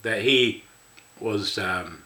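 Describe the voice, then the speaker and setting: An older Scottish man with a smoker's rasp talks casually and ramblingly, guiding listeners through a website. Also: fairly low pitch, very slow, sharp tone. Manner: rambling, conversational. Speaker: website host.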